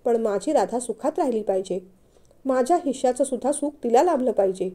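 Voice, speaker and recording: A woman reading the part of a protective young man, anxious and devoted, who pleads and presses with urgency. The voice stays high and light, a storybook hero rather than a deep one. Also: animated, a little fast, mellow. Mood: longing.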